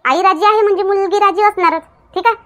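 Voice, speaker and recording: Lady doing a worried village aunt, varhadi accent, really high voice, lectures and keeps going "okay?". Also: fairly even intonation, fast talker, a bit bright. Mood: lecturing. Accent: Varhadi Marathi. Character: worried village aunt advising her nephew. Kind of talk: comedy sketch acting.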